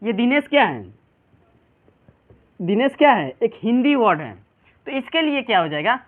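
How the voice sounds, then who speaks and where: A male teacher's very high voice swings widely in pitch at normal speed as he gives a pronunciation class in a Bihari Hindi accent. The audio is tinny and phone-like, and he repeatedly asks students questions he then answers.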